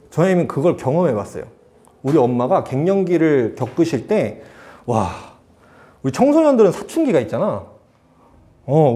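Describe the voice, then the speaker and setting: Young male youth teacher, casual sermon, lively pitch, slightly higher voice. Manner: chatty, asks the students questions.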